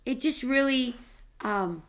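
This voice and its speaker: A woman's voice: high-pitched, takes it slowly. A woman who is a pastor, chatting emphatically in a casual devotional talk. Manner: animated, emphatic, affirming interjections.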